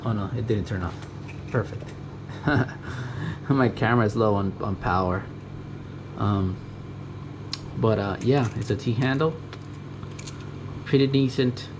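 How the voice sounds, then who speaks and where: This man's voice sits on the low side, and he talks slowly with long pauses. He's a tool vlogger, born in the US to a Mexican family, doing a rambling show-and-tell at a Japanese junkyard, full of fillers, self-corrections and little laughs. It's noisy GoPro audio with air conditioning humming behind him.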